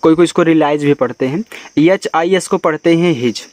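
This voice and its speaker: A man with a fairly high voice teaches a reading lesson, spelling out each word letter by letter and walking through it patiently. Crickets chirp faintly in the background. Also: darkish tone, no room sound. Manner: spells out words letter by letter and explains slowly. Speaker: English teacher. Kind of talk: spoken language lesson.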